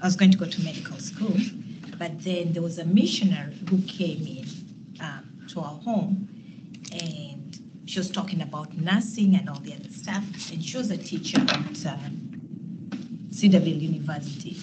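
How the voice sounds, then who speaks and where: A woman from Kenya, a nurse telling her story on a panel in a relaxed, self-deprecating way. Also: deep voice, normal speed. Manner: laid-back, self-deprecating, many ums. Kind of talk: personal storytelling. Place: meeting room, seated at a long table. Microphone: far room camera. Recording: distant mic with room noise.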